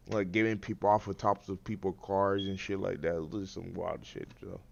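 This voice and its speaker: A man with a gravelly voice, a podcast guest tossing in brief joking remarks in a casual chat. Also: low voice, normal speed, highs cut off, slight background noise.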